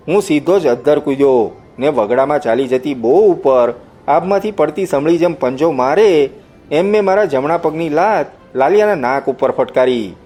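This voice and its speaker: A male audiobook narrator tells a fierce adventure novel in the first person, vivid and dramatic. His voice sits slightly high for a man, and soft music plays faintly behind him.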